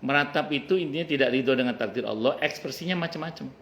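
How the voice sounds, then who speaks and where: Gravelly-voiced male religious teacher. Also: medium pitch, quick pace, fairly bright tone. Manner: conversational and joking, quotes Arabic verses. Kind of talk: informal religious study talk. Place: private home gathering. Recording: roomy home recording with faint ambience.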